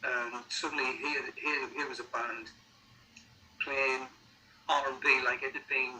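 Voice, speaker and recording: A mature man with a Sunderland accent talks casually in an interview. His voice is very bright and sharp at a medium pitch, and he often restarts words as he thinks. There is a faint noise behind him. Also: level tone, low-quality recording. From Sunderland, North East England. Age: middle-aged or older. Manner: halting, repeats words while thinking. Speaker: musician being interviewed.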